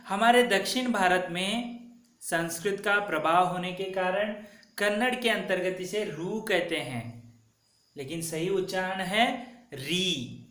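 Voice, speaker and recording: A male teacher giving a children's alphabet lesson, drawing out each letter and word slowly and repeating them for pupils to follow. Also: high-pitched, pushed and bright. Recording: echoey room.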